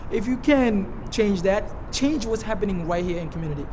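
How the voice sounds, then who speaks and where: A man from Somalia giving an earnest, halting congratulatory speech to graduates, often repeating words as he goes. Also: sits high, lively intonation. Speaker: speaker addressing graduates. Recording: noisy, with background ambience.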